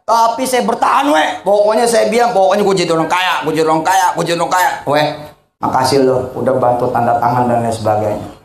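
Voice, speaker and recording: A man preaching a lively, joking sermon to a congregation. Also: fast talker, reverberant, a little hiss or hum. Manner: animated, joking, swings between high and low.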